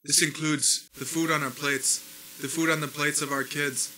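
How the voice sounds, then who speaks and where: A man's voice: on the high side, flat delivery, moderate pace, pushed and bright, slight background noise, low-quality recording. A man playing a male alien envoy who makes stiff, formal announcements in a comedy sketch. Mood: solemn.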